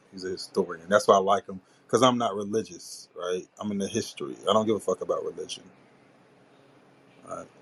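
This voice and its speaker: A man's voice: on the low side, slightly rough, low-quality recording. A man hosting a podcast in casual chat, blunt and swearing offhandedly. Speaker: podcast host.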